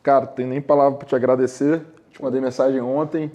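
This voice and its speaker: A man's voice: mid-range voice, flat delivery, a little fast, dark tone, muffled recording. A man hosting a podcast, telling a reflective story in an informal, conversational way. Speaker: podcast host. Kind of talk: casual podcast interview.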